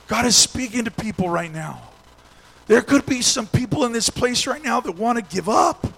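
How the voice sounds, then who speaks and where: Brief: male pastor with a high, bright voice who preaches with rising fervor, from quiet to shouting. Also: expressive, normal speed, vocal fry, slightly rough, low-quality recording. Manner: builds from hushed storytelling to shouted exhortation. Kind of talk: sermon.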